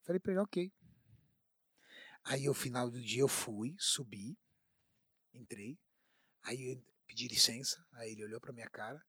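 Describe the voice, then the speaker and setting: A man's voice: mid-range voice, measured pace, long pauses, sharp tone, husky, no room sound, clean studio sound. A man with a Brazilian Portuguese accent telling an emphatic personal story in a casual talk.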